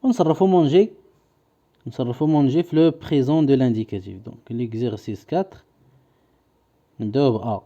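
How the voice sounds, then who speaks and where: A man with a Moroccan Arabic accent, teaching a French lesson and explaining it in Darija. He says words slowly, repeats them and translates them. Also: mid-range voice, mellow, dull audio.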